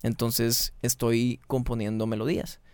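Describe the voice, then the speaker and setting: A man with a Mexican Spanish accent, a singer talking casually as a podcast guest, slangy and quick with many restarts. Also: mid-range voice, monotone, darkish tone, smooth, no room sound. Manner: slangy, fast and repetitive, restarts mid-phrase. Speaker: singer and band founder, guest. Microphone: studio mic in a small treated room.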